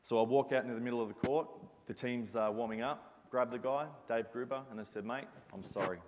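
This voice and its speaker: A man's voice: mid-range voice, fairly even intonation, brisk. A man giving an earnest, reflective motivational talk as a former basketball captain. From Australia. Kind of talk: motivational presentation. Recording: reverberant hall sound.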